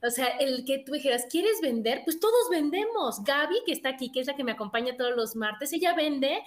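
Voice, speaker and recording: A woman's voice: high voice, expressive, brisk. A woman hosting an interview, speaking with enthusiasm and admiration. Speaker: host. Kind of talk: casual interview chat.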